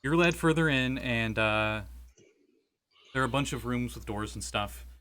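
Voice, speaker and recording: Bright-voiced man running a tabletop game. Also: medium pitch, a little slow, smooth. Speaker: game master. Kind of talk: casual narration of a tabletop role-playing game.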